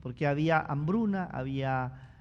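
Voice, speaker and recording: High-voiced preacher in a reverberant hall. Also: male voice, normal speed, dull audio. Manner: preaching with rising shouts and call-and-response prompts. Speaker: pastor. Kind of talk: sermon. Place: church sanctuary.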